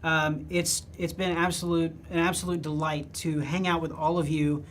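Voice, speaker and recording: A host of a live stream, announcing results and schedules in an upbeat, casual way with fillers. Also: male voice, on the high side, little pitch movement, moderate pace, fairly bright tone, a little hiss or hum.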